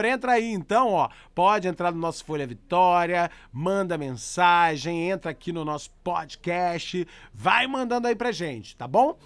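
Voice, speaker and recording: A man's voice: fairly high pitch, dry recording. A man with a Brazilian accent hosting a podcast in an effusive, informal way, talking straight to listeners. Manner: exclamatory, effusive, informal, addresses listeners directly. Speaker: podcast host. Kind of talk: animated pet podcast hosting with listener chat and story reading. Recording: music bed under the voice. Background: background music.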